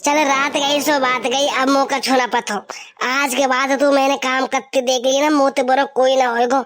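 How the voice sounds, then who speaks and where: A woman's voice: sits high, little pitch movement, moderate pace, a bit bright. A woman voicing a doting young village husband, coaxing and insistent.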